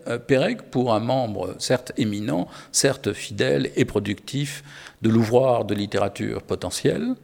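A man's voice: medium pitch, gravelly, darkish tone, long reverb tail. A man talking about literature as an editor, hesitant, with many fillers and restarts. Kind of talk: spoken literary discussion.

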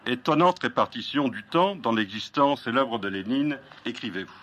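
Guy doing a formal book interview intro, erudite, measured phrasing, medium pitched voice. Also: expressive, fairly bright tone, lo-fi sound, slight background noise. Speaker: interviewer introducing a guest author.

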